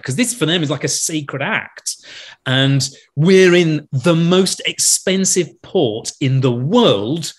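A man, a wine expert, telling a lively anecdote on a podcast, acting out other people's lines and laughing as he goes. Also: a little high. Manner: animated storyteller, acts out quotes, laughs mid-sentence.

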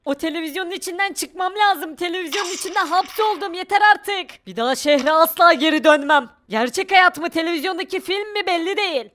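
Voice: very high-pitched, fairly quick, few pauses, bright, forceful tone, soft background music. A performer voicing a frightened, whiny young boy hero in an amateur cartoon parody, exclamatory and pleading, repeating words. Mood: panicked, exasperated.

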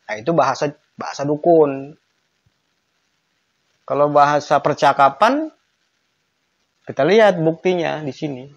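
A man's voice: on the high side, dry recording. Man teaching Quran grammar, dry sound. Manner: conversational, emphatic, acts out intonation examples. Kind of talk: informal online lesson.

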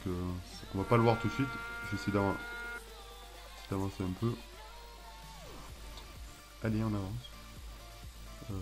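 A young man with a French accent hosting a casual software tutorial, hesitant and self-mocking, with many fillers and restarts. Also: on the low side. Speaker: tutorial host. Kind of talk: casual screen-recorded tutorial.

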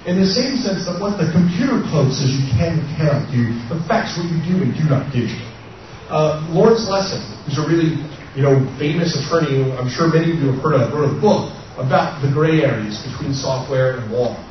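A man's voice: fairly high pitch, expressive, fairly quick, slight background noise. A drunk man giving an informal, rambling, opinionated talk to an audience as a speaker, with some swearing. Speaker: conference speaker. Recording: echoey hall, far from mic, muffled, audience.

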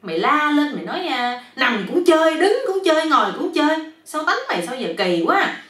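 A gruff, bossy husband, as a woman puts him on, grumbling and complaining. The pitch moves a lot, and the sound is roomy and set back from the mic. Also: sing-song, a little fast, fairly bright tone, distant mic.

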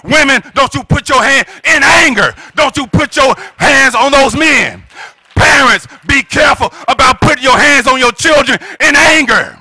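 Speaking at normal speed with an extremely high pitch, a middle-aged American man preaches as a pastor from the pulpit of a church sanctuary, using a gooseneck pulpit mic. He's emphatic and exhorting, frequently breaking into shouts. The recording is dry and rough.

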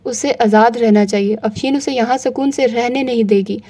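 A woman voicing a gentle, worried mother who speaks in a low, soft voice. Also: normal speed, lightly acted.

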